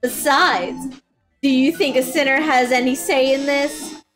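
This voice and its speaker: A woman's voice: sits high, fairly even intonation, unhurried, over music. A woman voicing a sadistic, theatrical female villain in a horror game, mocking and grand. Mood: gleeful. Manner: grand, mocking, relishing cruelty. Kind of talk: reading game dialogue aloud on stream.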